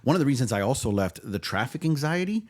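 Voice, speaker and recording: A man, born in Cuba, a podcast guest chatting in a relaxed way and often saying bro and man. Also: mid-range voice, fast talker. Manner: laid-back, says bro and man a lot. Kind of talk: casual chat.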